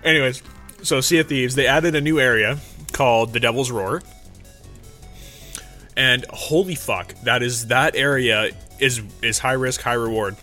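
A man's voice: mid-range voice, a little slow, pushed and bright, faint music behind. A young man hosting a podcast, telling rambling, profane stories in casual chat into a studio mic. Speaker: podcast host. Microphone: studio mic through a mixer.

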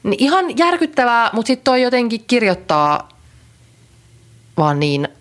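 A young adult woman co-hosts a podcast, chatting casually and rambling with many fillers and restarts. Her voice is on the high side, very animated, with a fairly bright tone.

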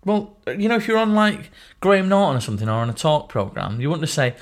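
A man's voice: on the high side, sing-song, fast. A man co-hosting a casual podcast, teasing his friend and swearing freely. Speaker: podcast co-host.

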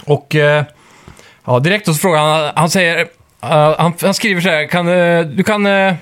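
A man co-hosting a casual gaming podcast, telling stories in a lively way and laughing often. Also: on the high side, clear, resonant tone. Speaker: podcast co-host.

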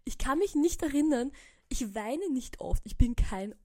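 Young woman, podcast host, casual storytelling, chatty, fairly high voice, dry close sound. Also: measured pace, no echo. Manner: chatty, animated, heavy use of fillers and English slang.

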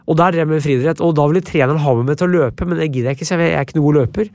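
Man in his fifties, rambling storyteller, fairly high voice, dry close sound. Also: darkish tone, no room sound. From Brumunddal, Norway. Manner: rambling, repeats words, blunt and salty. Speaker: podcast guest, author. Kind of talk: casual storytelling in interview.

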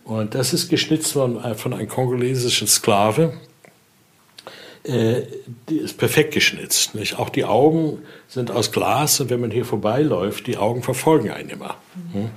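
An older male researcher chats about collection items in German, his intonation lively, his pitch medium, and his speed normal. Non-native grammar slips appear throughout, and many of his sentences end with a questioning tag.

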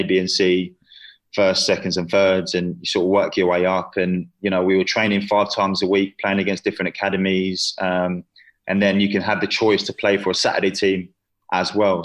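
A young man in his twenties, chatting casually as an interview guest, full of fillers. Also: deep voice. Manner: chatty, lots of fillers and "you know".

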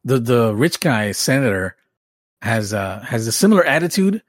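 Chill podcast guy, halting and amused, mid voice, dry sound. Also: medium pitch, big pitch swings, dry recording. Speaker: podcast co-host. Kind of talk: casual chat.

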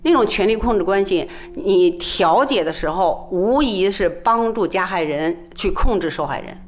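A woman's voice: mid-range voice, animated, normal speed, soft background music. A woman who trains people on domestic violence, explaining her views earnestly in an interview, with frequent hesitant fillers.

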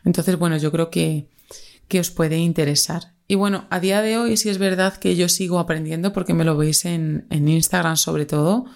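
A young woman with a Spain Spanish accent chats through a relaxed solo podcast episode. Her voice sits a little low for a woman, and she keeps circling back with fillers and quick restarts as she talks things over. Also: gravelly. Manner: chatty, many fillers and self-corrections. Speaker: podcast host. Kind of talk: casual solo podcast monologue.

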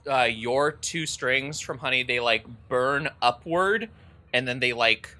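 A man's voice: medium pitch, slow, bright, forceful tone. A man narrating a tabletop game as game master, describing scenes casually with many "like" fillers.

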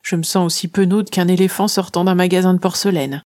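A woman telling a first-person adventure story in an expressive way, sometimes dropping to a whisper. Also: fairly low pitch, a little fast.

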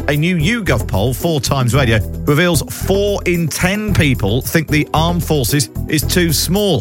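A British man presenting a political radio show as host. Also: mid-range voice.

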